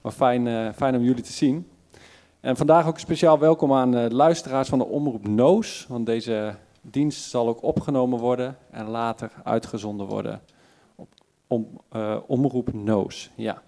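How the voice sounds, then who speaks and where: A man opening a church service with a relaxed, somewhat hesitant welcome. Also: mid-range voice, normal speed. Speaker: service leader.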